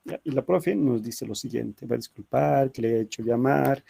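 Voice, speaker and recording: Male ethics teacher, husky and gravelly, anecdotal and conversational. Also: mid-range voice, moderate pace, dark tone. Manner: chatty storytelling, frequent tag questions. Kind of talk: anecdotal classroom lecture.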